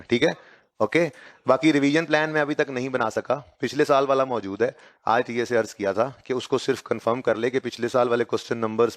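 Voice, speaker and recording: A man with a Pakistani Urdu accent teaching accounting in a classroom, dictating notes slowly and urging his students to hurry. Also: medium pitch, no room sound, studio quality. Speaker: accounting lecturer. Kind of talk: classroom lecture.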